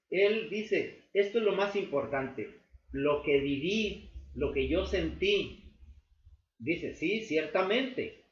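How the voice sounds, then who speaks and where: Male Bible teacher, halting explanatory delivery full of fillers, echoey lo-fi room sound. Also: on the high side. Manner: explains slowly, with many fillers and restatements. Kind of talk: classroom Bible lesson. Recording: echoey, dull room recording with faint noise.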